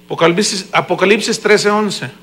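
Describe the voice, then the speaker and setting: A pastor with a Mexican accent preaching a sermon, telling a story with loud emphasis and hushed asides. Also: male voice, sits high, moderate pace. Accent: Mexican Spanish.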